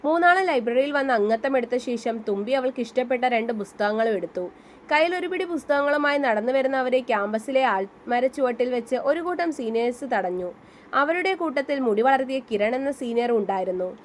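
Woman reading a story aloud, slightly high. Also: slight background noise. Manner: reads all the characters' dialogue in her own voice. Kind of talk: scripted story narration.

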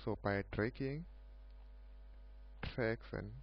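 A man with a lowish voice gives an unscripted, screen-recorded demo of software he built, speaking haltingly in short, broken phrases. His mic sounds muffled and lo-fi, with a hum in the background.

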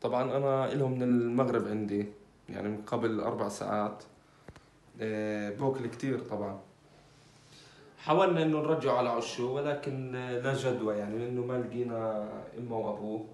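A man's voice: mid-range voice, fairly even intonation, fast, a little mellow, recorded from a distance. Man, casual bird vlogger, talks loosely with fillers, roomy echo, set back from the mic. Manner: chatty, many fillers, talks while handling birds. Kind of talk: casual informative vlog. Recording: echoey, off-mic with faint ambience.

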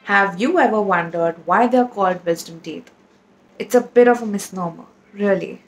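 A woman's voice: medium pitch, poor audio. A woman hosting a dental channel who says she sounds sleepy this early in the morning. She delivers scripted educational narration in an upbeat, playful, punny manner.

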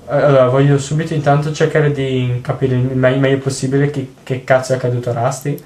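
Excitable swearing gamer, roomy sound. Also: male voice, mid-range voice, brisk. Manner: excitable, swears constantly, cries out at the game. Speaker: gameplay commentator. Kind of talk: casual let's play commentary. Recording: roomy home recording, faint noise.

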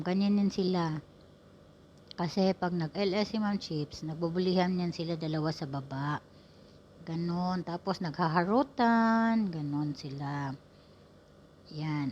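Woman from the Philippines, unhurried casual voice-over, playful teasing, muffled lo-fi recording. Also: on the low side, darkish tone, a little hiss or hum. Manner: playful, teasing running commentary to viewers. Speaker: vlogger narrating a video.

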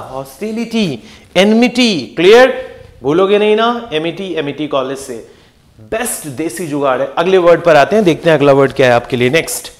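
High-voiced lively male vocabulary teacher. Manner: lively, repeats words and asks quick questions to the class. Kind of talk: energetic exam-prep lesson.

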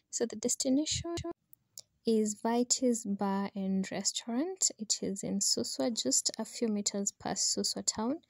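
A woman's voice: medium pitch, gravelly, a little mellow, no room sound, clean studio sound. A young adult woman with a Kenyan accent, chatting to viewers in a casual voice-over for a travel vlog. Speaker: vlogger.

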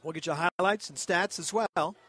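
A man's voice: sits high, normal speed, pushed and bright, slight background noise. A man calling a college football game as play-by-play announcer, conversational and a little rambling. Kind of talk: sports commentary.

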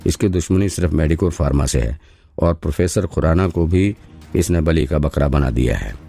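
A man voicing a gruff detective, deep and dark. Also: soft background music, heavily acted. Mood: intent. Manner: blunt, brisk, gruff. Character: sharp, blunt male detective, adult.

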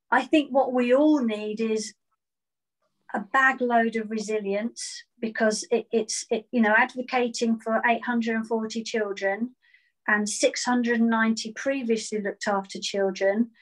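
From an indoor room at home, a woman who heads a virtual school answers interview questions earnestly over a video call, often repeating words as she begins a thought. Her voice is on the high side, and the recording is rough.

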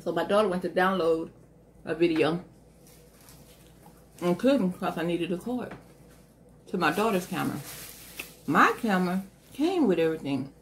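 A woman's voice: on the low side, expressive, moderate pace, pauses often, a little hiss or hum. A middle-aged woman vlogger chatting casually to viewers at home while eating, mouth partly full, rambling from one thought to the next. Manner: rambling, talks to viewers as y'all.

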